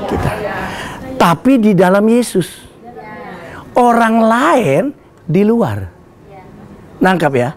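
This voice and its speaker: A man preaching a lively, humorous sermon in a way, teasing the congregation, asking them questions and calling for amens. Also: high voice. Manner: joking, teasing, slangy asides to the congregation. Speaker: pastor.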